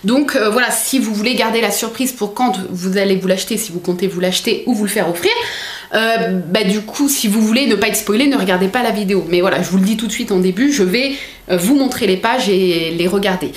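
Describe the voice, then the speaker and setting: A young woman chatting as a book vlogger, excitable and full of fillers. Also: mid-range voice, brisk. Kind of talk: casual unboxing chat. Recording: echoey room.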